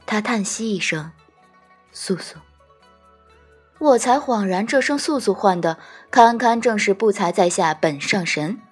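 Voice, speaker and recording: A woman narrating a first-person fantasy audiobook, gentle and wry. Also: medium pitch, expressive, moderate pace, hardly any pauses, husky, soft background music. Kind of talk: scripted storytelling narration.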